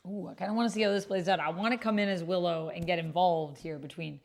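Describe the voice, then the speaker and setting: With a gravelly, fairly low voice, this woman reads chat messages aloud at a quick pace and steady tone, murmuring fragments to herself as she types. She is a video host doing a solo roleplay. Keyboard typing and clicks make the recording noisy.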